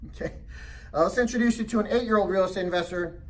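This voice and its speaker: Guy giving a real estate sales seminar, keeps asking "make sense?", kinda high, sounds off-mic. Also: fast talker, recorded from a distance. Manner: animated storytelling with frequent rhetorical check-ins. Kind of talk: motivational sales seminar talk.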